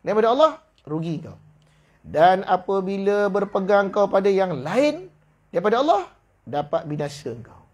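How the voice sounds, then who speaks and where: Malaysian male religious teacher, high voice, slow kitab reading then quick casual explaining, mosque lecture. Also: very animated, a little mellow, highs cut off. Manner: slow deliberate reading of kitab passages, then brisk colloquial explanation with laughs; acts out voices in quoted stories. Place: mosque hall.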